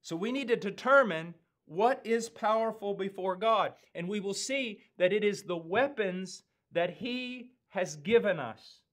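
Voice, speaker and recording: A man in his fifties with an American accent, preaching a sermon in a slow, earnest, emphatic way with weighty pauses, seated in a studio. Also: high-pitched, animated. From United States. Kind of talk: sermon teaching. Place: studio with dark backdrop, indoors.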